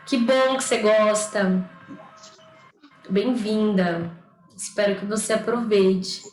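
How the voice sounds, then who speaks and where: Hosting a casual online study group, a speech therapist greets participants chattily, often asking "né?". She speaks slowly at medium pitch, with fairly even intonation, a darkish tone and faint music behind her. The video-call audio from a computer or phone has a roomy echo and faint noise.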